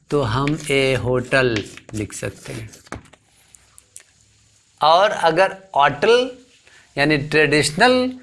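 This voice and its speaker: Indian guy teaching grammar real slow, keeps repeating words n asking questions. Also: on the high side, a bit bright. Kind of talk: classroom lesson explanation.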